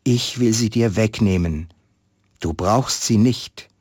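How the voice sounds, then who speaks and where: A man voicing the holy infant in a manger, speaking gently and earnestly in a read-aloud Christmas story. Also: fairly low pitch, takes it slowly, dry recording, studio quality. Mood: tender.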